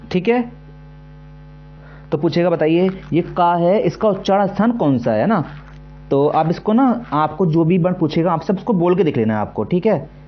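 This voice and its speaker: A man teaching an exam-prep lesson, repeating himself often and slowly sounding out syllables to demonstrate them. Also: fairly high pitch, muffled recording. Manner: repetitive, keeps asking "है ना" and "ठीक है".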